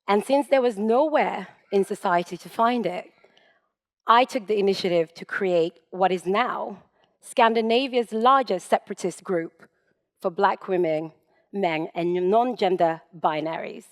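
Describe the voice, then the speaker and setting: A woman in her thirties from Sweden giving a prepared public talk from a stage, measured and emphatic with deliberate pauses. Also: mid-range voice. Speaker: public speaker. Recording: long reverb in a lecture hall.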